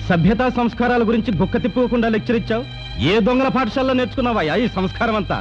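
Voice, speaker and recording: A stern, scolding creditor. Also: male voice, extremely high pitch, racing. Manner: stern, lecturing and threatening. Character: angry, scolding male creditor, middle-aged. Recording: muffled film soundtrack with loud music.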